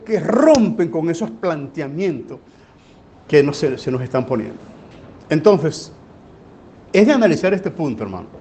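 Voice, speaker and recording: Pastor de voz aguda, predicando en vivo. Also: male voice, fairly high pitch, a little mellow. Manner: folksy storytelling with rhetorical questions. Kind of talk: sermon teaching. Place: church. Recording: live church recording with faint ambient noise.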